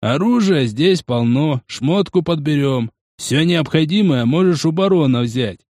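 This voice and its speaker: A man doing a slow, grumbling foreman. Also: on the high side, expressive, darkish tone, no room sound, clean studio sound. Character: gruff older male foreman, grumbling and drawling.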